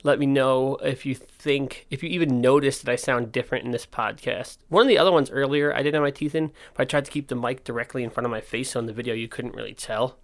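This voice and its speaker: This man talks fast, barely pausing, in a steady medium-pitched voice as he hosts a casual solo podcast. He runs a skate park, and his missing front teeth cause a slight lisp. He rambles openly and keeps cutting himself off to rephrase.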